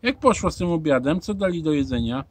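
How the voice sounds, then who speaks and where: A man voicing a small boy's mother who coaxes him gently but firmly. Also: fairly high pitch, animated, fast, slight background noise, lightly acted. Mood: tender. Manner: coaxing.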